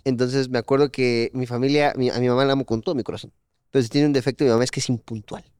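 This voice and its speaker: A young man with a Mexican Spanish accent, co-hosting a podcast and telling a slangy, animated story in casual chat. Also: medium pitch, quick pace, clear, resonant tone, no echo, studio quality. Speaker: podcast co-host.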